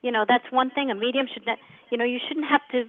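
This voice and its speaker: A woman's voice: fairly high pitch, fairly even intonation, quick pace. A woman working as a psychic medium, talking casually and directly in short bursts as she gives live readings to callers. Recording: narrow band, phone-like audio.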